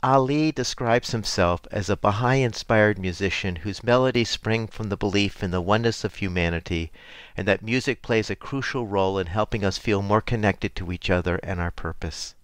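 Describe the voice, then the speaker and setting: A man hosting a community radio program, introducing an interview in a measured, formal way. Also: lowish voice, no echo. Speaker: radio host.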